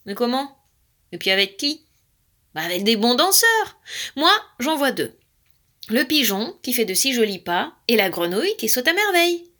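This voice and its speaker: A scheming magpie from a children's storybook, voiced by a woman reading aloud. She coaxes and flatters in a bright, lilting voice that swoops up and down. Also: fairly high pitch, moderate pace. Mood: coaxing. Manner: coaxing, sly. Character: sly chattering female magpie trickster.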